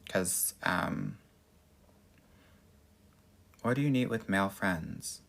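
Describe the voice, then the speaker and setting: Casting: American male dating coach, fairly deep and creaky, sassy and effusive girly manner, informal live Q and A chat. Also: very animated, takes it slowly, fairly bright tone. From Los Angeles, United States. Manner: sassy, effusive, girly best-friend way of talking. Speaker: dating coach and livestream host. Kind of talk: casual livestream chat answering viewer questions.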